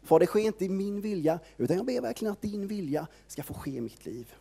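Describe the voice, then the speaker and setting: An anguished Jesus pleads in earnest prayer, as a preacher acts him out. The voice sits a little higher than the preacher's own and stays mellow, with casual, modern wording. It sounds like a sermon retelling rather than a stage play. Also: male voice, expressive, gravelly, breathy edge, exaggerated voice. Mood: pleading prayer. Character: anguished Jesus praying, grown man in distress.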